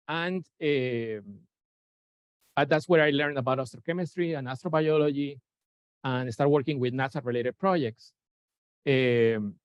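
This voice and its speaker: This informal science lecture comes from a man from Peru, a chemist at NASA, who stumbles through fillers and self-corrections. His voice runs on the high side, and the room-mic Zoom recording is dull and dry, with no room sound.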